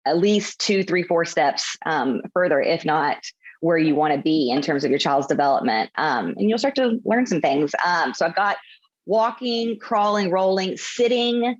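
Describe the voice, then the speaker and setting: A woman in her late thirties talks through her work in long, methodical runs as a guest on a casual interview. Her voice sits on the lower side, and the recording sounds dull and lo-fi. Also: expressive, normal speed. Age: 30s. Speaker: physical therapist guest. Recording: dull lo-fi audio.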